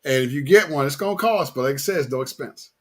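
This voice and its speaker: Brief: male host, casual and slangy, lower-pitched than most, husky tone, laid-back repetitive delivery. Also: lively intonation, quick pace, a bit bright. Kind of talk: casual chat.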